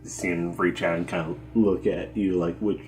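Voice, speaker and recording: A woman's voice: rumbling low, fairly even intonation, normal speed, music in the background. A woman narrating a tabletop game as its game master, loose and casual. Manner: loose, casual, swears and laughs.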